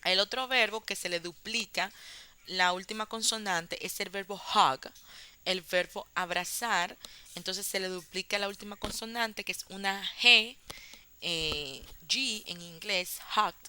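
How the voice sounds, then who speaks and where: Slow, bright-voiced woman teaching grammar. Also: medium pitch, a little hiss or hum. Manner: patient, explains step by step with many fillers. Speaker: English teacher. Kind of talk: online grammar lesson.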